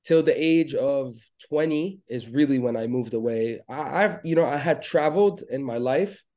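Man, from Lebanon, podcast guest, casual, rambling, filler-heavy, mid-pitched. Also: moderate pace, mellow. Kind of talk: casual interview chat.

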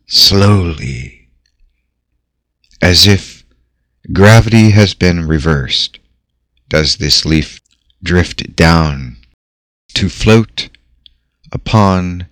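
Male guided-meditation narrator, low register, theatrical delivery with long pauses, recorded dry over faint music. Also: no echo. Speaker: host. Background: soft background music.

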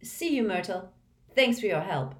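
A woman's voice: mid-range voice, sing-song, normal speed, pitched above the performer's own voice, natural voice. A woman reading aloud and voicing an earnest, slightly impatient teenage schoolboy wizard. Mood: hurried. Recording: roomy echo.

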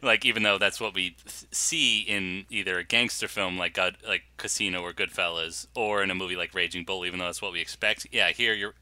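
A man's voice: deep voice, fairly even intonation, fairly quick, hardly any pauses, bright, forceful tone, no echo. A man co-hosting a podcast in casual chat, dry joking asides and easy laughs. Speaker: podcast co-host.

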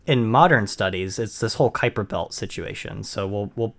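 A man's voice: on the low side, moderate pace, gravelly. A man from Maine co-hosting a podcast, explaining in casual chat with frequent ums and restarts. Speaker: podcast co-host.

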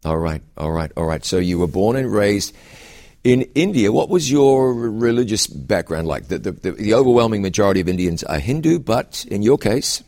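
A man who is a pastor and host, interviewing a guest with curious, quick follow-up questions and frequent restarts. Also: on the low side, expressive, warm tone.

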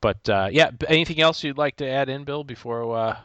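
A man hosting a podcast in casual conversation, halting and repeating words as he goes. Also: medium pitch, fairly bright tone, clear, resonant tone, no room sound, highs cut off. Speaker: podcast host. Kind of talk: casual interview chat.

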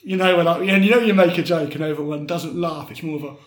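A man with a somewhat high voice who talks in a loose, rambling way, scattered with fillers and jokes. He sounds easygoing and casual. The room behind him gives a clear echo. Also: fast talker. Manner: rambling, filler-heavy, jokey. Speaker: podcast co-host. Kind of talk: casual chat. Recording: roomy echo.

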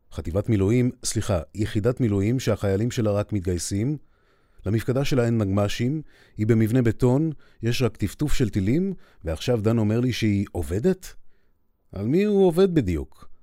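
A man narrating a first-person war story in an expressive, conversational way. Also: on the low side, no room sound, studio quality.

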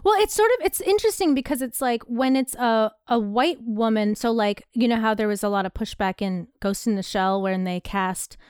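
Woman on a podcast, kinda high voice, lots of "like", super dry mic. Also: clean tone, dry recording. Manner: animated, quick asides with acted quotes; frequent fillers like "like". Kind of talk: casual conversation.

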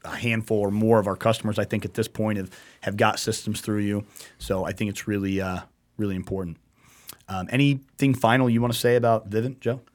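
A man's voice: on the low side, fairly bright tone. A man hosting a casual talk show, rambling and repeating himself with emphasis and the odd swear word. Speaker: show host.

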